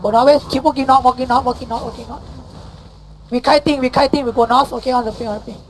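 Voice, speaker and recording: A man calling shots in a game battle, barking rapid repeated commands and countdowns, mixing English callouts into his speech. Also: very high-pitched, fairly even intonation, a little hiss or hum, rough recording. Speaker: guild war shotcaller. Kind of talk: live game commands over voice chat.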